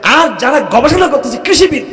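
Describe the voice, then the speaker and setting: A man's voice: very high-pitched, lively intonation, fairly quick, bright, forceful tone. A Bangladeshi-accented man preaching a fiery sermon, scolding his listeners with rhetorical questions. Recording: echoey hall from far off.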